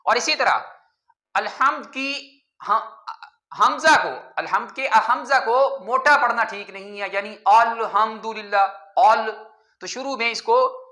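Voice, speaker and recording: A man teaching a Quran pronunciation lesson, patiently repeating words slowly to contrast right and wrong recitation. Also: very high-pitched, bright, forceful tone, roomy sound.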